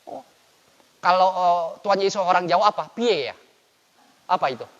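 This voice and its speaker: High-voiced older man preaching in a hall. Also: moderate pace. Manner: lively preaching with dramatic swings in loudness. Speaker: pastor. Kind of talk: sermon. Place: church. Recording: dull, lo-fi church recording with long reverb.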